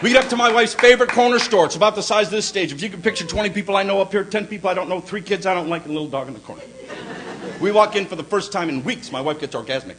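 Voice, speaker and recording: An older man working a comedy club stage, telling a long stand-up story in a fairly high voice. He slips into squeaky put-on voices for the other people in his tales. The live recording carries steady background noise. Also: very fast. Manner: gruff storytelling, puts on high squeaky voices for kids and wife.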